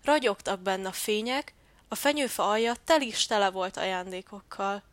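A woman's voice: mid-range voice, no room sound, natural voice. A woman voicing a cheerful little female great tit who chirps happily, in a storybook reading.

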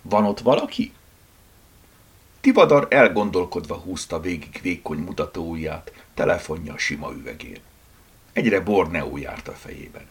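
A man reading a novel chapter aloud, expressive, slipping into whispered asides. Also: low voice, creaky, breathy edge. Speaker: audiobook narrator. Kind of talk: scripted narration.

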